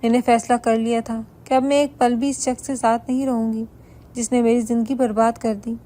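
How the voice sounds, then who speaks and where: A woman narrating a dramatic first-person story in an even, measured reading. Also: on the high side.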